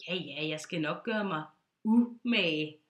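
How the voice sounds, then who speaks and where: A woman voicing a meek, polite male teddy bear in a storybook read aloud, speaking a little lower and softer. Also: natural voice. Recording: roomy echo.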